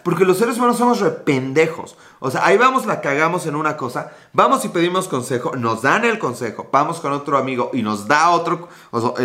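A man's voice: a little high, sharp tone. A young man with a Mexican accent chatting casually on a livestream, joking with crude slang and answering viewer comments. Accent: Mexican Spanish. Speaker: livestream host.

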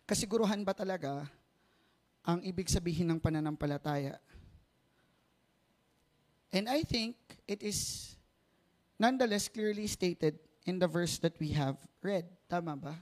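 A man's voice: high voice, normal speed, pauses often, a little mellow. A man with a Filipino accent preaching a sermon in mixed Tagalog and English, conversationally, often checking for agreement. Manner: switches between Tagalog and English; conversational, seeks agreement with rhetorical tag questions.

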